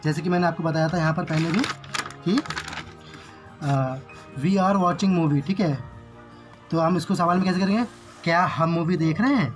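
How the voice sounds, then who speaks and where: Music plays beneath a fairly high male voice as he works through basic English grammar in Hindi. He takes each example slowly and closes every one with a repeated "ठीक है".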